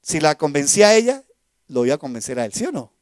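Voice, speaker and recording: High-voiced pastor preaching. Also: male voice, sing-song, fast, dry recording. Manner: swings between loud emphasis and soft asides, asking the congregation questions. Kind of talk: sermon. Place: church sanctuary.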